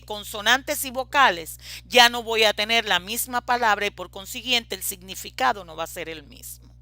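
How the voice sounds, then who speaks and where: A woman's voice: on the high side, sharp tone, dry recording. A woman teaching a lecture on reading and writing, explaining step by step with frequent hesitant fillers.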